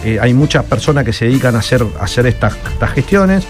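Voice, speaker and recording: A man's voice: medium pitch, expressive, fast, faint music behind. A man from Italy, a radio guest who explains citizenship matters with many restarts and repeated words. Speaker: guest advisor on Italian citizenship.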